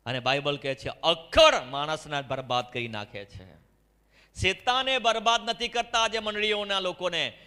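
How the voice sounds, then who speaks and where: A middle-aged male pastor preaches with fire, his voice bright, piercing and pitched a little high. He calls out to his congregation to answer him, and the sermon rings through an echoey hall with a long reverb. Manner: impassioned preaching with call-and-response. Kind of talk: fiery sermon.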